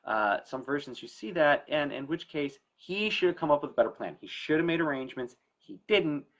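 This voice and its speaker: A man with a fairly high, somewhat bright voice talks briskly with lively intonation. He's an estate planning attorney hosting a story time show, giving an informal, emphatic explanation straight to camera.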